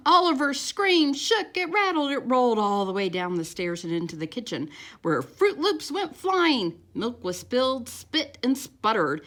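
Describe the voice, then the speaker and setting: A woman at medium pitch reads a picture book to young children. Her storytime delivery is theatrical and expressive, full of stretched-out words and sound effects.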